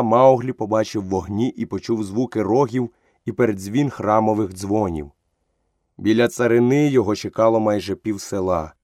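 A man narrating a storybook in an even storytelling manner. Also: lowish voice, no room sound, studio quality.

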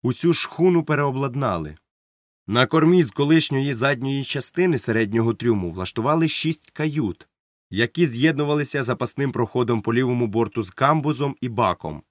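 A man reading an adventure novel aloud as a narrator, in a steady, measured storytelling manner. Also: medium pitch, no echo, clean studio sound. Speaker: audiobook narrator.

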